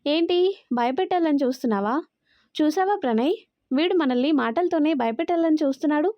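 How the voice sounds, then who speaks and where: A woman voicing an angry, sharp-tongued young woman who scolds and accuses. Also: high-pitched, expressive, brisk, dry recording. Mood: angry scolding. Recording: dry, slightly dull recording.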